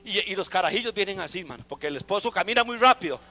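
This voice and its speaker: A man's voice: sits high, lively intonation, very fast, pushed and bright, in a large hall. A man preaching a sermon to a congregation, asking them to repeat words after him. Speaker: pastor. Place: church.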